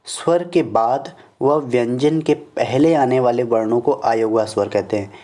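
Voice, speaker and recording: A man with a Chhattisgarh Hindi accent teaching a slide-based grammar lesson, explaining step by step, repeating definitions slowly and saying "okay" after each point. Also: mid-range voice, dark tone. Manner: explains step by step, often addressing viewers as "friends".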